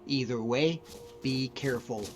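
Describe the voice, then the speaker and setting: A man voices a friendly, modest lone-wolf hunter who serves as a video game companion, speaking earnestly and in a measured way. His medium-pitched, lightly acted delivery sounds focused, with faint music playing behind.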